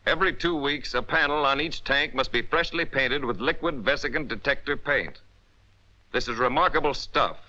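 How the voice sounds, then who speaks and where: At normal speed, an American man reads scripted narration for a 1940s military training film, his medium-pitched voice very bright and forceful. He gives emphatic, clipped orders, and the audio is the dull, band-limited sound of an old film track.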